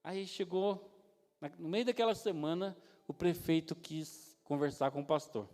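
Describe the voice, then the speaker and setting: A man's voice: a little high, normal speed. A man with a Brazilian Portuguese accent, preaching a storytelling sermon in a church and then leading a prayer. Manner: lively storyteller who acts out voices. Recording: long reverb of a church hall.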